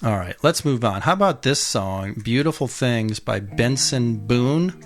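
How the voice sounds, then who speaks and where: A middle-aged man in a relaxed podcast chat, speaking at an ordinary, mid-range pitch. He gives his opinions candidly and lets his sentences wander, with plenty of fillers and restarts. Faint music runs underneath him. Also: unhurried. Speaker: podcast host and guitar teacher.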